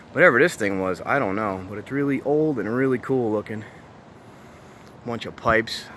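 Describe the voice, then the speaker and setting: Slightly slow and medium in pitch, this man's voice carries over a faint background noise. He's an urban explorer vlogger casually touring an overgrown abandoned spot outdoors, relaxed as he marvels aloud and speaks to viewers while walking.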